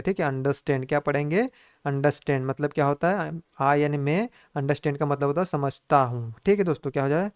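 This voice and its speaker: A man teaching basic English to Hindi speakers, slowly repeating each phrase and addressing his viewers as friends. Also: a little high, a little mellow, clean tone, dry recording, clean studio sound. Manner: repetitive, drawn-out teaching, says "दोस्तों" constantly.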